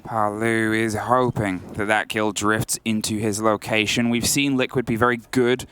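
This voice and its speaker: A man's voice: on the low side, little pitch movement, moderate pace, a bit bright, slight background noise. A man working as an esports caster, calling live play-by-play in dramatic, colourful phrases.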